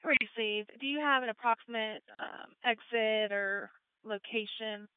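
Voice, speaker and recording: A woman's voice: on the high side, a little slow, heavy background noise. A woman working as an emergency dispatcher, speaking in a clipped, procedural way over a two-way radio. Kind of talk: fire department radio dispatch traffic. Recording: narrow, phone-like radio scanner audio.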